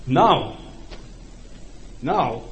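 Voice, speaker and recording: The recording, made in an echoey room with faint background noise, captures a middle-aged man from Poland delivering a sermon to his congregation in a conversational style, regularly checking in with listeners. A native Ukrainian speaker with a Polish accent, he has a medium-pitched, somewhat bright voice with wide pitch movement and drawn-out words, and the high frequencies are cut off.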